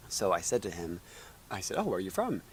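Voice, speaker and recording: A man in his thirties, co-hosting a casual chat show and telling stories in a lively way. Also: sits low, quick pace, a little hiss or hum. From United States. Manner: lively storytelling, chuckling. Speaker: co-host. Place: outdoor backyard.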